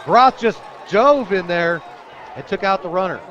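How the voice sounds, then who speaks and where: Doing live radio play-by-play of a football game, an American announcer speaks in a high, animated voice at a slightly slow pace. The audio is dull, with loud crowd noise filling the outdoor high school stadium around him.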